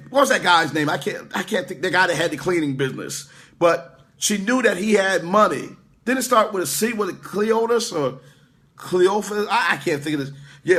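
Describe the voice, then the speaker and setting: A man's voice: on the high side, fairly bright tone. Stammering chatty preacher man. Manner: conversational, stammering restarts, talks to viewers in comments. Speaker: pastor. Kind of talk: informal livestream sermon. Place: indoor room away from his usual location.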